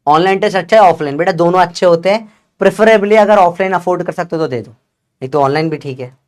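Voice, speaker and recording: A young man, teaching a live online physics class and teasing and coaxing students to answer fast. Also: high-pitched.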